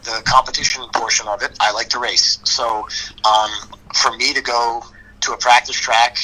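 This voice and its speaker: A man's voice: mid-range voice, steady tone, normal speed, pushed and bright, husky, rough recording. A man, a longtime motocross racer, talking bluntly and with many restarts in a casual podcast chat.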